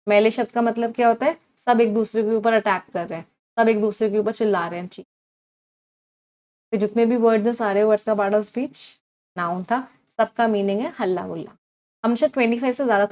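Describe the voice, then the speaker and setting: A woman teaching an online English vocabulary class, repeating her cues and asking her students questions. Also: on the high side. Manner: drills words aloud with repeated cues, asks students questions.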